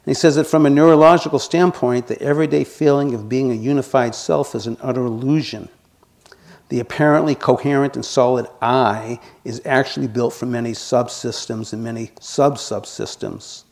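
60-something meditation teacher doing a dharma talk, jokes about himself a lot, mid pitch. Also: male voice, steady tone, moderate pace, creaky. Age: 60s. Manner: gently humorous, self-deprecating.

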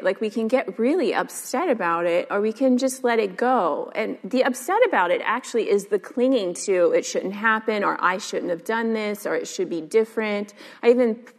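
A woman teacher giving a casual dharma talk, chatty and full of "like" and "um". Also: medium pitch. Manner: casual, chatty, many fillers. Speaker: meditation and yoga teacher. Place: meditation hall. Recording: long hall reverb.

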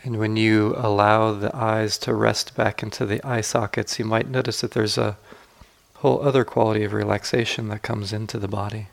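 Guiding a meditation, this male teacher talks softly and slowly, with long silences between phrases. His voice is gravelly, fairly low in pitch, and flat in delivery.

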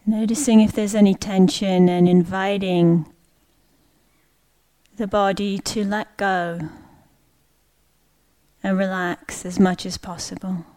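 A meditation teacher, a woman, leads a guided meditation in a slow, mellow voice of medium pitch and steady tone. She is gentle and unhurried, leaving long pauses between short phrases.

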